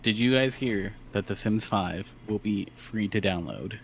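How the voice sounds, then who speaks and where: Low-voiced man rattling off deals. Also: unhurried, vocal fry, crowd noise. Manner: relaxed, many fillers. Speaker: co-host reading game deals. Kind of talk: casual podcast banter.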